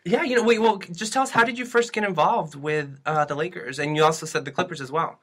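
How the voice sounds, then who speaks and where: A man's voice: a little high, fairly bright tone. A man hosting a casual radio chat show, cracking crude jokes and laughing often. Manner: jokey, laughs often, quick asides.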